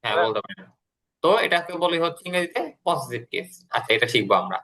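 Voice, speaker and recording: Bright-voiced teacher explaining patiently. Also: male voice, mid-range voice, animated, fast. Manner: explains patiently, repeating words and translations. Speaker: English teacher. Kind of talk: classroom lesson.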